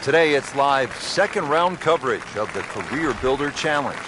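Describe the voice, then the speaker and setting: A man working as a golf commentator in a video game, with a measured, polished TV announcer delivery. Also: medium pitch, expressive, background noise, close to an everyday voice. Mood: composed, appreciative. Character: male TV golf commentator, composed and appreciative. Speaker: lead golf broadcast commentator. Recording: background music and crowd ambience.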